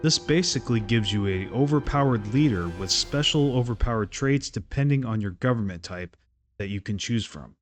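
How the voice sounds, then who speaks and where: A man's voice: medium pitch, moderate pace. A man giving a casual, opinionated gameplay guide as a voice-over, explaining his choices informally. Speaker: video game guide host. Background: faint music.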